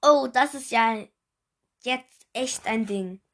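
A cheeky ten-year-old boy from a children's storybook, voiced by a woman reading aloud. He plays innocent in a slightly high voice, taking his time. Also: a little slow, a bit bright. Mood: feigned innocence. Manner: playing innocent.

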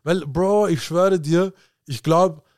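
A man's voice: sits high, slow, darkish tone, clear, resonant tone, dry recording, clean studio sound. A young man chatting casually on a podcast, laid-back and reflective, using lots of slang. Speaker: podcast co-host. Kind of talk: casual chat.

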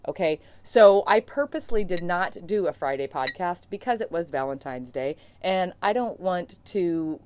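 Woman doing her podcast, low voice, dry sound, earnest and encouraging, chatty. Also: a little mellow, no echo. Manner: earnest, encouraging, conversational with fillers. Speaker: podcast host and coach. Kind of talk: solo podcast monologue.

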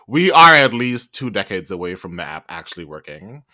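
Male co-host, bright voice, animated casual chat. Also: fairly low pitch, a little fast. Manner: animated, trails off with many ums. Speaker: podcast co-host. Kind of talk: casual podcast chat and reading aloud.

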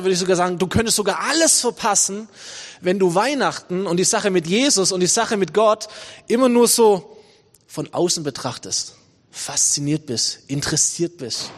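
Preacher guy, high voice, chatty sermon with lots of questions, big church echo. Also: lively intonation, normal speed. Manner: conversational, rhetorical questions, emphatic repetition. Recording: long church reverb.

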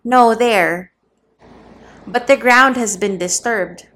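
A woman's voice: fairly high pitch, slow. A woman reading a novel aloud and voicing an aged, devoted male servant who speaks eagerly. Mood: earnest. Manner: eager, excited.

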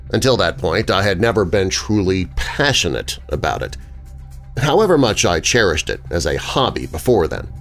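Male narrator, low and expressive delivery, measured dramatic pacing, soft music bed. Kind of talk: scripted horror story narration.

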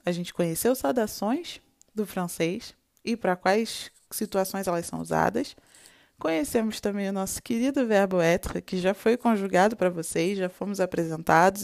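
Woman, Brazilian Portuguese accent, French teacher, patient recaps, gravelly fry, mid pitch. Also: lively intonation, moderate pace, darkish tone. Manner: explains patiently, repeats and recaps, models dialogue lines. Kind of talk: online language lesson.

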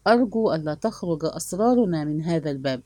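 A woman's voice: fairly low pitch, fairly quick, no echo, pitched below the performer's own voice, close to an everyday voice. A woman voicing a shy young husband. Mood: bashful. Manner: hesitant and bashful.

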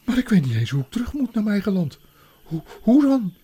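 A man's voice: sits high, very animated, a little fast, mellow, slightly rough, voice pushed up, exaggerated voice. A man playing a stammering, sulky boy. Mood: pleading. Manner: stammering, hesitant. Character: sulky, hesitant young boy.

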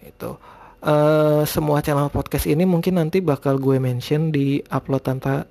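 A man's voice: on the high side, fairly even intonation, moderate pace, creaky, dark tone. An Indonesian man hosting a solo podcast in casual, rambling chat, often searching for words, with a lisp on his r sounds. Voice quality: lisped r sounds. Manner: informal, rambling, hesitant word-searching. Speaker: podcast host.

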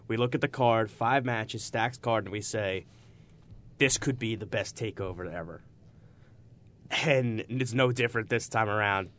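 A man's voice: fairly low pitch, unhurried, fairly bright tone. A man hosting a podcast with casual, enthusiastic and emphatic sports talk. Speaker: podcast host.

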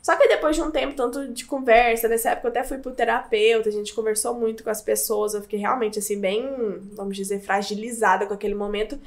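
A woman from Goiânia speaking tells a personal story as a makeup artist. She talks quickly, in a voice a little higher than most women's. She stays earnest and heartfelt and keeps checking in with "you know?". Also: steady tone. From Brazil (Goiânia).

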